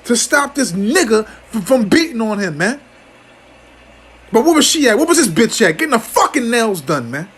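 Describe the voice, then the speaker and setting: Man, high husky voice, heated profane scripture teacher, stammering restarts, "man" after every phrase. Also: big pitch swings, moderate pace, a bit bright. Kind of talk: angry scripture commentary.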